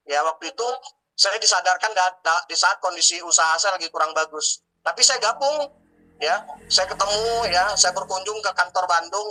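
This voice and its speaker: Man, late 30s, interview guest, earnest testimonial, bright and ringing tone, slightly high voice. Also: low-quality recording. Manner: earnest, many fillers and tag "ya". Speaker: guest businessman.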